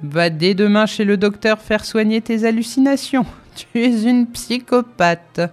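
A woman's voice: medium pitch, measured pace, a little mellow, faint music behind, pitched above the performer's own voice, natural voice. A woman voicing a teasing, self-assured male deputy prosecutor who mocks his wife. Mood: mocking. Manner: mocking, condescending.

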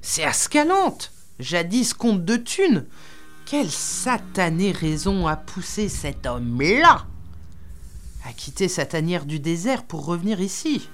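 A brusque soldier commanding the king's guard, curt and scornful, his voice low and measured, as a woman narrates him. Faint music hums beneath. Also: sing-song. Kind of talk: audiobook character voice.

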